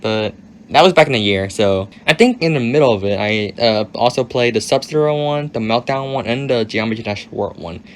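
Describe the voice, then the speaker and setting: A young man with a raspy voice answering viewer questions in a casual, hedging monologue that often trails off. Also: mid-range voice.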